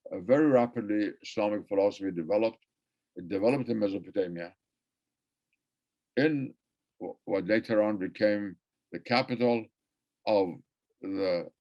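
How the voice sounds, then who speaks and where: The recording is muffled and lo-fi: an older man with a low, somewhat mellow voice, whose mother tongue is Persian, delivers an academic lecture. He wanders among his points and echoes phrases for emphasis.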